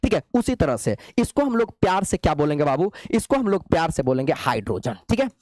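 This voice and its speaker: A man's voice: a little high, big pitch swings, quick pace, darkish tone, no room sound. A male chemistry teacher, lecturing playfully and coaxing his students with repeated questions. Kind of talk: classroom lecture.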